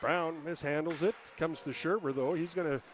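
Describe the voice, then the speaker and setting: Fast-calling hockey play-by-play man. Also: fairly high pitch, slight background noise. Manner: rapid, running call that rises to shouts on scoring chances. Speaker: play-by-play announcer.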